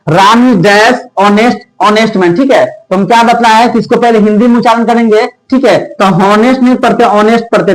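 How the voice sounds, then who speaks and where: Man teacher, high voice, drills exam grammar, keeps checking "theek hai" and firing quiz questions. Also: rough recording. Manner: repeats "theek hai" often and quizzes the listener with rhetorical questions. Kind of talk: exam-prep grammar lesson.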